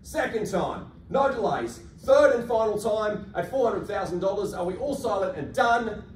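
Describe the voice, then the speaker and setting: With a high voice and lively intonation, an Australian man calls a property auction at a moderate pace, his sales patter polished and projected. A far camera records him across a large function room, so the audio is echoey with faint noise.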